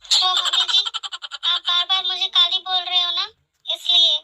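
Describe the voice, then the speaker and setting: A kind young daughter-in-law in an animated family drama who pleads gently and earnestly, as a woman plays her. Her voice is high and very bright, soft-spoken and caring. She sounds eager to help. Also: a little slow, exaggerated voice, poor audio. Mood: pleading.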